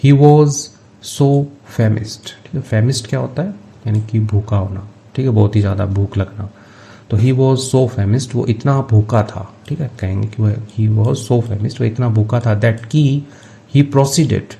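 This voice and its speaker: A man teaching English, reading each phrase of a story slowly and then explaining it. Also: mid-range voice, vocal fry, dark tone, slight background noise. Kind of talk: line-by-line translation lesson.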